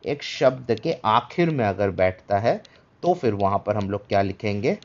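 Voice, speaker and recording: A man teaches Greek letters on a livestream, his lowish, darkish voice lively in intonation and moderate in pace. Patiently blending Hindi with English, he checks in often by repeating "ठीक है." The audio is dull and lo-fi.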